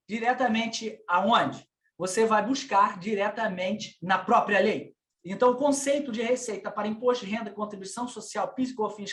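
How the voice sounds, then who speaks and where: High-voiced Brazilian man lecturing in an echoey room. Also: a bit bright. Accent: Brazilian Portuguese. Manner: didactic, addresses listeners directly with rhetorical questions. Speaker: tax lecturer. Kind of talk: lecture to business owners.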